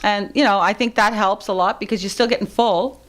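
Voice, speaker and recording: A woman's voice: mid-range voice, fairly even intonation, a little fast. A middle-aged woman co-hosting a podcast, chatting casually and tossing in joking asides. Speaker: podcast co-host. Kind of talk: casual chat.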